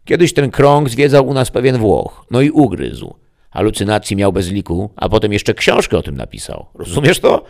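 A man's voice: lowish voice, huge pitch swings, vocal fry, a little mellow, voice pushed up, full character voice. A man voicing a chatty, mocking male devil who teases a human visitor in an audiobook story. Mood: teasing. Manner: fast teasing banter.

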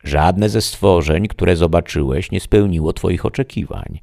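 A man's voice: sits low, unhurried, gravelly, dark tone, voice pushed up. A man voicing a solemn, all-knowing disembodied voice.

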